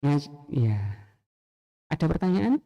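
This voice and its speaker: Man, middle-aged, casual lecture to teachers, rhetorical questions, slightly high pitch. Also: sing-song, takes it slowly, gravelly, mellow, muffled recording. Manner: chatty, asks listeners rhetorical questions. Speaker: school principal giving a teacher training.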